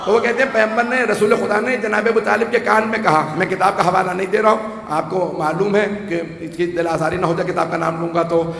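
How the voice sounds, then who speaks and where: A man preaching a rhetorical sermon to a gathering, rising to shouts and making joking asides. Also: sits high, fairly even intonation, few pauses. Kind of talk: Urdu majlis sermon. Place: large hall with audience. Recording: echoey hall, faint ambience.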